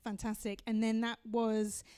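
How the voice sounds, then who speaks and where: A woman's voice: fairly high pitch, flat delivery, unhurried, dark tone, clean tone, no room sound. A woman hosting a live on-stage interview, introducing her guest with effusive enthusiasm. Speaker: host and interviewer.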